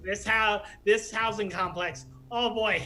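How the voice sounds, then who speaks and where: A man's voice: high voice, steady tone, pushed and bright, full character voice. An actor playing a worn-out man who gives up running a housing complex, rambling wryly in an improv comedy scene. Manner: rambling and wry, with slow drawn-out stretches. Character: weary man handing off a burdensome building-manager job.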